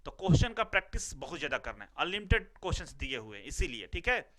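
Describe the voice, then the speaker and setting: A man's voice: fairly high pitch, big pitch swings, fast, fairly bright tone. A male teacher giving a recorded lecture who explains step by step, repeats himself and often checks in with his students.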